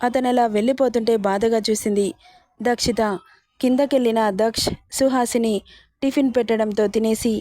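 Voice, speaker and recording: A woman reads a romance story aloud, her voice pitched a little high yet mellow and soft-edged. She keeps a steady, expressive storybook pace, and the sound is close and dry. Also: moderate pace, dry recording. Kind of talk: scripted romance story narration.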